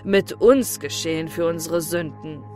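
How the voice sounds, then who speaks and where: Woman voicing a gentle, pious old shoemaker. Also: fairly low pitch, measured pace, soft background music, pitched below the performer's own voice. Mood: earnest. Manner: gentle, pleading, earnest.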